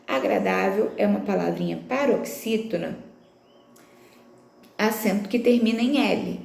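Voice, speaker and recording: Lady teacher going thru exercises step by step, kinda high voice w some fry, echoey room. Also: mellow. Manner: patient, explains step by step, checks in often with "tá bom?" and "né?". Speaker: Portuguese language teacher. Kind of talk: recorded remote lesson walking through textbook exercises.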